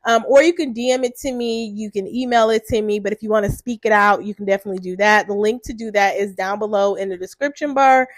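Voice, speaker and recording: A woman's voice: medium pitch, steady tone, fast, few pauses, dry recording. A woman in her thirties hosting a casual solo podcast, chatty and full of "like", with a stuffy, congested nose. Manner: chatty, says "like" a lot. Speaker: podcast host.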